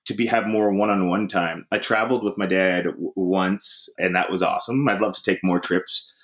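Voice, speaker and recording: Man, podcast guest, low voice, easygoing, upbeat. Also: fairly even intonation, normal speed, a bit bright. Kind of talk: casual interview talk.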